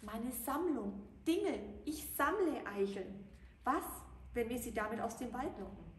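A woman voicing a male gnome, gruff at first but kind underneath, speaking in a brisk, commanding storybook manner. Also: on the high side, lively intonation, voice pushed up. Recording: roomy, distant mic, faint hiss.

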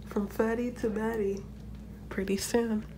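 A young woman with a slightly high voice that barely moves in pitch chats unhurriedly into her phone camera, held at arm's length in a small indoor room. She's a bit congested, rambling and self-deprecating as she vlogs, and the background is noisy.

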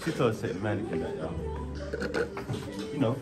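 A man's voice: lowish voice, expressive, brisk. A young American man with a brash, slangy, teasing way of joking around while walking through a shopping mall. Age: young adult. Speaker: prank vlogger. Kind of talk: casual joking street chat. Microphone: handheld camera a few steps away. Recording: loud music in a shopping mall.

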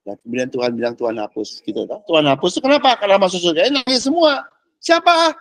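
A middle-aged pastor teaches a class in an easy, chatty way, his fairly high voice leaping up and down in pitch. English words pop up in his speech, and the sound is close and dry with no room around it. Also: racing, dry recording. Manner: animated, mixes in English words and slang. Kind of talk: casual sermon teaching.

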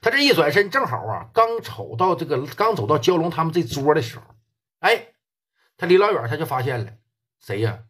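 Husky Northeastern storyteller. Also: male voice, fairly high pitch, big pitch swings, a little fast, a bit bright. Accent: Northeastern Mandarin. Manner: casual, colloquial, swearing. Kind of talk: oral storytelling.

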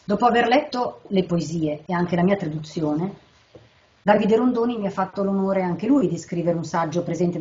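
A woman with a lowish voice gives a careful, measured literary lecture and reads short poems aloud in an unhurried way. The recording sounds dull and lo-fi. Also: warm tone. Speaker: translator presenting a poet. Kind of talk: literary lecture with poem readings.

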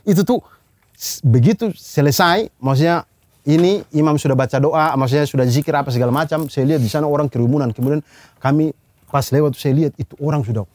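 A man's voice: a little high, fast, a little mellow, dry recording. An Indonesian man in casual podcast chat, telling a firsthand story earnestly and acting out a scream he heard.

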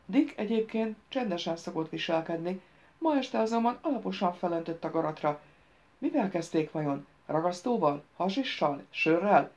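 A woman's voice: fairly low pitch, expressive, lo-fi sound. A woman reading an audiobook, raising her voice for the characters' lines. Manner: reads dialogue lines louder and livelier than narration. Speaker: audiobook narrator. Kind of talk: audiobook narration.

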